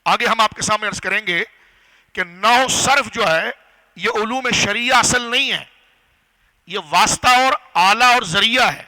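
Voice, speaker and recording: A man preaching a religious lecture to a gathering, teaching step by step, asking the audience questions and slowing down on key phrases. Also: high voice, sharp tone, rough recording. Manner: didactic, rhetorical questions to audience. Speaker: Islamic scholar and preacher. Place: gathering hall.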